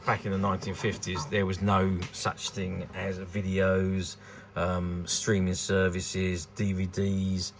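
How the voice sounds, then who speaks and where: Low, monotone, and slow, this voice comes with a little hiss or hum. He's a UK man in his sixties who deals in vintage toys, showing off a collectable in hesitant, rambling, off-the-cuff remarks that often repeat words.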